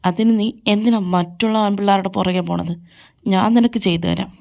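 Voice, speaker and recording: A woman's voice: fairly even intonation, vocal fry, a little mellow, close to an everyday voice. A woman voicing a jealous, possessive young man in a fan audio drama, taunting and domineering. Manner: taunting, domineering, slow and low. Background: faint background music.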